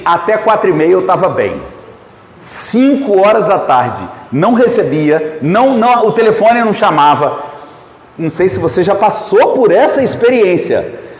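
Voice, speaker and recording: A man's voice: sits high, reverberant, big-room sound. A Brazilian man preaching a sermon to married couples, telling stories and asking his audience questions. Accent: Brazilian Portuguese. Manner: lively storytelling, asks the audience questions. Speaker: pastor.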